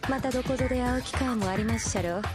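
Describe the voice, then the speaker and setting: Woman acting a high-voiced taunting Kyoto-accented henchwoman. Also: rapid-fire, lightly acted. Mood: sulky, taunting. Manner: coquettish, taunting, old-fashioned courtesan speech. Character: haughty, teasing, combative young female hacker henchwoman. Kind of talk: Japanese video game voice acting. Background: game music.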